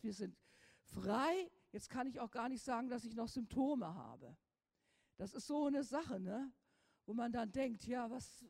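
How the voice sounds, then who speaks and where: A middle-aged woman preaching a sermon, moving between quiet confiding talk and loud commanding prayer. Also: on the high side. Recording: long hall reverb.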